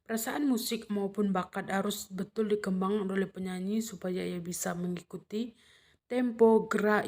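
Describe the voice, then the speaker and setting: A young woman gives a lesson at an ordinary mid pitch, walking through each point in order. She sounds a little read-aloud and methodical, now and then stumbling over a word and starting it again. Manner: steady, methodical, with occasional slips and restarts. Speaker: teacher presenting a lesson. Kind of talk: explanatory lesson, partly read.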